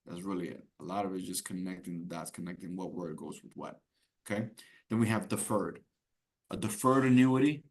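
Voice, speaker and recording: A man with a lowish voice teaches a roomful of students in a loose, conversational lecture. He keeps checking in with quick "right?" and "okay?" tags and circles back to repeat the main point. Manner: repeats key points to drive them home. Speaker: instructor. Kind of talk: classroom exam-prep lecture.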